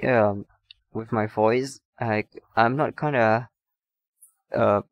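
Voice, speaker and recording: In a muffled recording, a young man from Indonesia streams a game and answers chat in a lowish, fairly even voice. He speaks slowly and casually, often restarting and breaking into laughter. Faint game music runs underneath, and he's turned away from his shotgun microphone.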